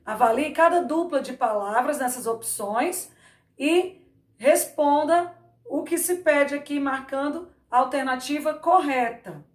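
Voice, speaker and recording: A woman teaches a grammar lesson in a high voice. She speaks slowly and repeats each example word to stress its syllables. The room gives her voice a noticeable echo. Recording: echoey room.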